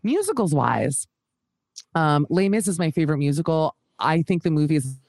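A woman co-hosting a podcast, chatting casually and animatedly, quick to laugh. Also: low voice, sing-song, darkish tone, no room sound. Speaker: podcast co-host. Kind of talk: casual chat.

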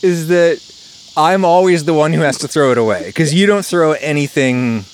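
A man's voice: fairly high pitch, animated, moderate pace. A man hosting a casual podcast from a backyard, talking in a wry, conversational way with cicadas and frogs behind him. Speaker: podcast host. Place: outdoors in a backyard at home. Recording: outdoor recording with clear insect noise. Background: loud chorus of cicadas, some frogs.

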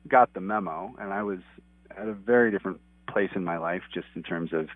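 A lower-voiced man comes through a thin, clipped phone line with a dry sound. He talks earnestly and rambles, stopping and restarting his thoughts as a guest on a call-in interview. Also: a little fast, no echo. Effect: clipped phone line that cuts out. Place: outside his office.

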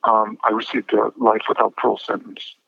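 A man in his fifties speaking as an incarcerated interview guest over a prison phone line, measured and a little hesitant, with small restarts. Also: fairly low pitch, level tone, gravelly, fairly bright tone, slightly rough, no echo. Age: 50s. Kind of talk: telephone interview. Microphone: prison telephone handset. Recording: muffled phone line, dry.

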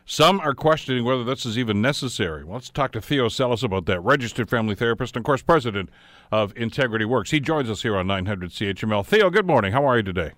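A man's voice: mid-range voice, expressive, fast, fairly bright tone, no room sound. A man hosting a radio talk show. He talks conversationally and often repeats words as he frames his questions. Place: radio studio. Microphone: studio microphone.

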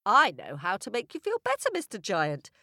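A woman voicing a boastful, hungry male trickster coyote in a storybook tale, bragging and excitable. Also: medium pitch, moderate pace, no room sound, studio quality, full character voice. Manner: cocky, excitable, brags.

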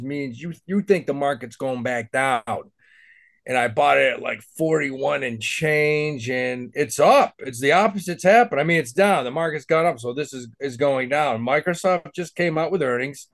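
A man co-hosting a podcast, rambling through stories in profane, animated casual chat. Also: fairly high pitch. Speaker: podcast co-host.

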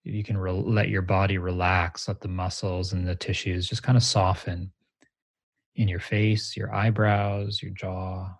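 As a meditation teacher appearing as an interview guest, a man with a fairly low, creaky, husky voice leads a grounding exercise. He speaks gently and measuredly in short phrases with little pitch movement, and the recording is dry and close with no room sound.

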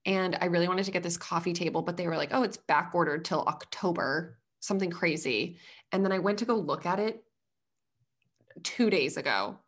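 A woman co-hosting a podcast in casual chat, telling stories in a chatty, animated way with frequent laughs. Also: fairly low pitch, a little fast. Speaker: podcast co-host. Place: away from home, recording remotely. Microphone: headphones over both ears.

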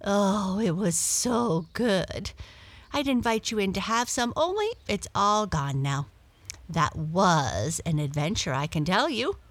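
A woman reading from a storybook voices a curious, talkative house cat, pitching her voice well up and keeping it lively as it jumps between notes. The cat asks eager, excited questions. The pace is slow, the performance heavily acted, and there's no room sound.

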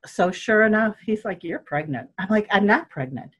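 Older woman, lively husky storyteller. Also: mid-range voice, moderate pace. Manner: animated, acts out quoted voices, laughs often. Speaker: guest telling her birth story. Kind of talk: casual storytelling.

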